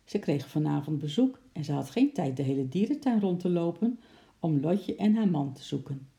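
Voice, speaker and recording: A storyteller reads a children's story aloud, expressive and lively. The voice is gravelly, with a dark, mellow tone. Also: medium pitch, normal speed.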